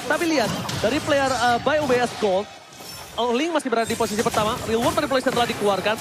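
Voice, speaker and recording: An Indonesian man calling an esports match as an excited fighting game announcer, stretching out and belting his big calls. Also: very high-pitched, fast, over music. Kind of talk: excited play-by-play esports commentary.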